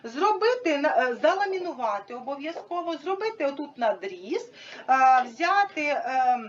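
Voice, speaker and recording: A woman's voice: high voice, very animated, moderate pace, muffled recording. A woman explaining a teaching method to an audience in an informal, hesitant way, with many fillers, demonstrating with props. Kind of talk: informal instructional talk.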